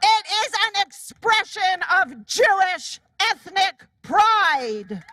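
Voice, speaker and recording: A woman's voice: very high-pitched, very animated, slow pace, pushed and bright, no echo. A woman giving a rousing speech at a rally and leading the crowd in chants. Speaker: rally speaker. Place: outdoor rally.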